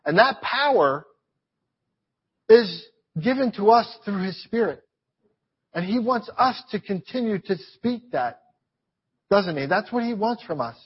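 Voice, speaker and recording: Husky-voiced man preaching a sermon. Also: high-pitched, a little slow, long pauses, highs cut off. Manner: animated preaching with repetitions and rhetorical questions. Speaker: pastor. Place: church.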